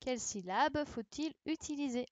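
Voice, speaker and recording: A woman's voice: high voice, expressive, normal speed, dry recording, lo-fi sound. A woman teaching a primary class over a live stream, patient and encouraging, repeating each answer for the children. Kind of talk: online class correction, speaking slowly to children. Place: home, remote livestream. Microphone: computer mic on a live stream.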